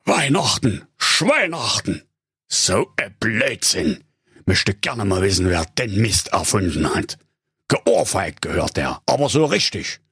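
A cranky old miser snaps and grumbles in a raised, gravelly, raspy voice, as a man puts him on. He sounds close and dry, like a comic storybook reading. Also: extremely high pitch, big pitch swings, a little slow, few pauses, bright, forceful tone, no echo, voice pushed up, exaggerated voice. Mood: grumpy. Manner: grumbling, cursing, snappish. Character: grumpy stingy old male junkyard owner.

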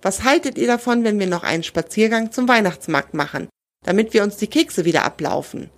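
A woman reading the part of a cheerful, friendly young girl in a children's story, making suggestions brightly. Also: medium pitch, lively intonation, fairly quick, lightly acted.

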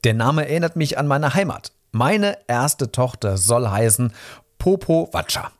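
A man's voice: medium pitch, a little slow, close to an everyday voice. A man voicing a fiery, determined woman truck driver who insists on her wishes. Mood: insistent. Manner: insistent, excitable.

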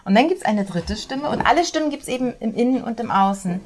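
Her voice is fairly high and she talks fairly quickly. As an author and speaker being interviewed, she brings her models to life with animated explanations and brief acted-out quotes.

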